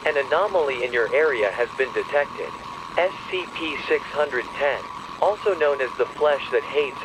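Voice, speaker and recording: A man with a mid-pitched voice reads a scripted emergency alert as a formal broadcast announcer, measured and official, while loud aircraft-like droning surrounds him.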